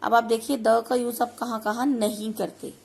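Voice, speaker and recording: A woman teaching grammar, explaining step by step and slowing down carefully whenever she reads phrases. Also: fairly high pitch, level tone, vocal fry, a little mellow, husky. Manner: explains step by step, slows down sharply for English phrases. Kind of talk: classroom-style lesson.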